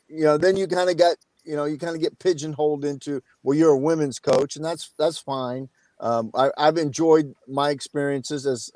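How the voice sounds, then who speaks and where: A man's voice: medium pitch, darkish tone, dry recording. A man in his fifties, a college basketball coach, answering interview questions casually over a video call, with many fillers. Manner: many uh fillers, plain-spoken.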